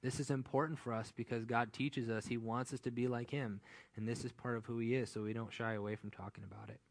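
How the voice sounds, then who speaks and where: Male pastor, mid-pitched, easygoing storyteller delivering a sermon. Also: flat delivery, fast talker. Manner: conversational storytelling preaching.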